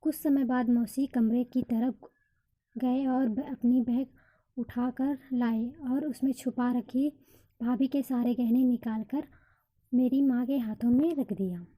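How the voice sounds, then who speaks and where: A woman narrating a romance story in a slow, steady storytelling manner. Her voice is dark and mellow but sits fairly high in pitch. The pace stays unhurried throughout. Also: rough recording. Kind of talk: scripted narration.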